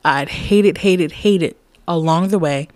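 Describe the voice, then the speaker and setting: A woman's voice: lowish voice, moderate pace, a little mellow, no room sound, clean studio sound. A woman in her late twenties talking candidly in a casual personal monologue, rambling and laughing often. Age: late 20s. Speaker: podcast host.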